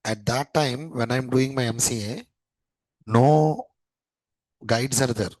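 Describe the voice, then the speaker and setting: A man in his thirties with an Indian English accent lectures a class as a teacher, speaking slowly at a medium pitch. His style is chatty and he often repeats his phrases. The audio is poor, with no room sound.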